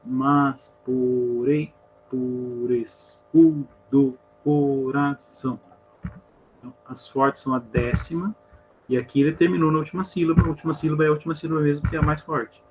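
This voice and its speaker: A man's voice: a little high, fairly even intonation, very fast, dull audio, soft background music. A man with a Brazilian Portuguese accent teaching an online literature class, patiently counting syllables step by step. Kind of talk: online class explaining poetry.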